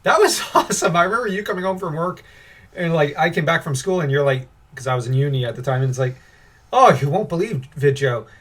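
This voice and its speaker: A man's voice: fairly high pitch, fast. A young man co-hosting a casual podcast, reading film reviews aloud and mocking them with sarcasm and frequent laughter. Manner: sarcastic, laughs often, animated ranting. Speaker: podcast co-host.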